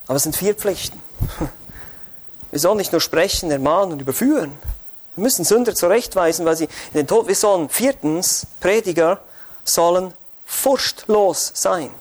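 A man preaching an expository sermon in church, fervent and rising to urgent exhortation. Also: sits high.

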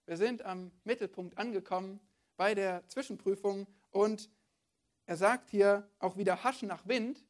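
A woman delivers a sermon in an easy, conversational tone, speaking straight to her listeners. She keeps posing questions back to them. Her voice sits at an ordinary middle pitch. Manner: conversational, addresses listeners directly with rhetorical questions. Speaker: preacher.

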